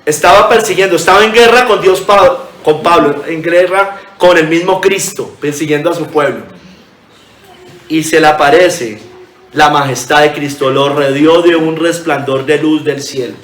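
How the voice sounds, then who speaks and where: Pastor guy preaching earnestly, reading scripture out, slightly high voice, echoey room. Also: moderate pace, a bit bright. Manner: earnest preaching, addresses hearers as brothers, reads scripture aloud. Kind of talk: sermon.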